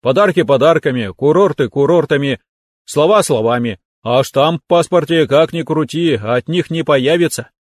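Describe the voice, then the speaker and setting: A hearty older father-in-law with a gruff, booming voice and a blunt, teasing streak, as a male audiobook narrator puts him on. The sound is close and dry, with no room around it. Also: normal speed, dry recording, close to an everyday voice.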